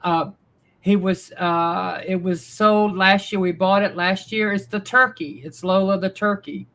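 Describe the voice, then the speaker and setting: Bright-voiced woman chatting haltingly. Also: medium pitch. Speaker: ventriloquist guest. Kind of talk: casual chat.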